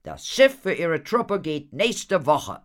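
A gushing, pompous man who runs a theatre, raised and loud, as a woman puts him on for a storybook. He talks in a grand, showy way, full of big promises and flourishes. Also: sits low, big pitch swings, slow pace, voice pushed up, heavily acted. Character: pompous excitable male theatre impresario.

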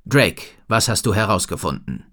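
A man's voice: on the low side, lively intonation, moderate pace, fairly bright tone. A man doing a thoughtful commanding wizard.

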